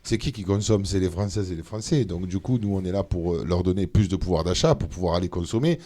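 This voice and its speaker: A man, a member of parliament, talking as a guest in a casual interview, animated and full of hesitations. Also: deep voice, quick pace. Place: studio of a streamed show.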